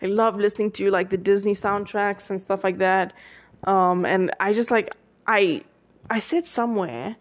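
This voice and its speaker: A young adult woman, nineteen, runs a solo podcast where she chats informally, often filling pauses and rephrasing herself. She has a mid-range voice and talks at normal speed.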